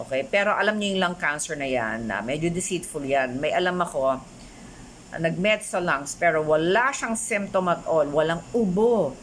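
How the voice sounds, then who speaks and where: A middle-aged woman from the Philippines giving a health talk to her viewers, chatty, switching often into English and full of animated asides. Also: low-pitched, normal speed, a little hiss or hum. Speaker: health vlogger. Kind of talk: casual talk to camera.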